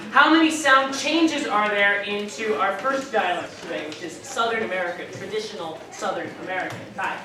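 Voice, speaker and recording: A woman teaching a dialects class, brisk and upbeat, quizzing her students before a performance. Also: medium pitch. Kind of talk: classroom introduction with quiz questions. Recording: echoey room, far mic, noise.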